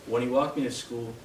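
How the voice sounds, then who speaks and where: A young man from Canada giving a live poetry reading in a bookshop, hesitant with fillers between poems and steady in his verse. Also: medium pitch. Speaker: poet. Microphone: distant from the mic. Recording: roomy, distant, noisy live room sound.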